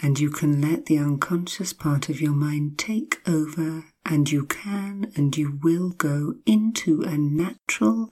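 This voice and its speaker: A woman narrating a guided sleep hypnosis like a sleep story, hushed and soothing, often slipping into whispers, with drawn-out, repeated phrases. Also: low-pitched, breathy edge. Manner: drawn-out, repetitive phrasing with long pauses.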